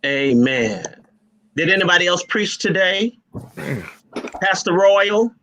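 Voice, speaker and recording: A jovial host and moderator runs a live panel over a video call, teasing his guests as he fires off questions. His bright, forceful voice sits a little high for a man, and he's animated yet takes it slowly, with slight background noise.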